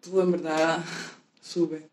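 A woman's voice: sits low, level tone, takes it slowly, a little mellow. Reflective woman in a roomy space. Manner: reflective, trailing off. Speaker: musician guest. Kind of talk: casual interview chat. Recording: roomy echo.

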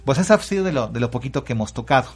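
A man's voice: mid-range voice, animated, rapid-fire, slightly rough. A Mexican man, a guest musician, talking at length in a casual radio interview with many filler words. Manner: talks freely and at length, with many "pues" and "este".

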